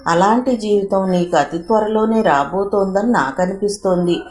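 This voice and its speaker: A woman voicing a kind elderly aunt who consoles and gently scolds with affection. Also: medium pitch, moderate pace, close to an everyday voice. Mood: consoling. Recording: roomy echo.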